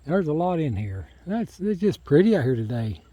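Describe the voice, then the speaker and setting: A man's voice: a little high, big pitch swings, moderate pace, dark tone, no room sound, rough recording. An older man chatting in a rambling, folksy way while walking a rural hillside, then reading scripture aloud, recorded on a handheld phone. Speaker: lay Bible teacher.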